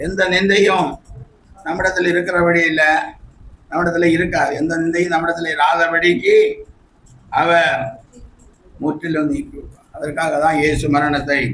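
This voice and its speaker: Fervent pastor, high bright voice. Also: male voice, level tone, moderate pace, pauses often, a little hiss or hum. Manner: fervent preaching, often shouting hallelujah. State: recovering from recent illness. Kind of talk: sermon. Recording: echoey church hall, faint ambience.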